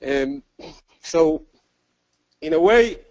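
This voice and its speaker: A man with an Israeli accent presents a technical talk at a conference, pausing often with ums and restarting sentences. His voice sits a little high for a man, and the recording is dry and dull, with a lo-fi edge. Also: animated, darkish tone, dry recording. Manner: self-deprecating, many fillers and restarts. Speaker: conference speaker.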